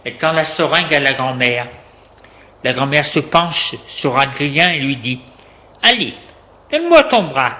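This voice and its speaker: A man reading a story aloud in a measured, plain narrating manner. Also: mid-range voice, steady tone, bright, forceful tone.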